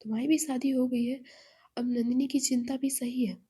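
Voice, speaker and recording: An elderly grandmother, calm and persuasive, speaking gently and softly as voiced by a woman. Her voice drops lower than the narration and stays breathy. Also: normal speed. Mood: coaxing. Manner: gentle, soft, reasoning.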